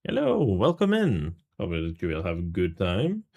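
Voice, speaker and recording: Male streamer, lower voice with a lively, swinging delivery; casual live game commentary, chatty with viewers, swears freely. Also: moderate pace, gravelly. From Serbia. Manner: casual, greets and thanks chat, swears freely.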